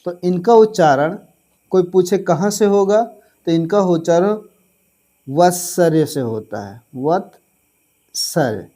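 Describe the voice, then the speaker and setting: A man teaching an online grammar lesson for exam preparation. He addresses viewers as friends and drills syllables slowly. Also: high-pitched, animated, warm tone.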